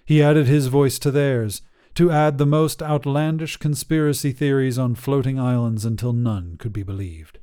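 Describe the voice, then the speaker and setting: A man hosting a story podcast, narrating a short story in a calm, measured, scripted way. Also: medium pitch, smooth.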